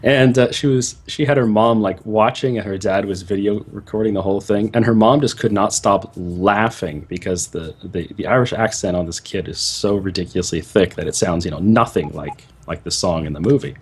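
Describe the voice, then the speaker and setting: A man's voice: fairly low pitch, moderate pace, hardly any pauses, husky. A man co-hosting a gaming chat, telling stories animatedly with frequent restarts. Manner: animated storytelling, stumbling restarts. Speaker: co-host of a gaming series.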